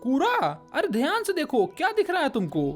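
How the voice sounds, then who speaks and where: A woman voicing a kindly old man gardener with a tin leg, who talks gently and patiently like a father. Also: high-pitched, huge pitch swings, a little fast, faint music behind. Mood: gentle.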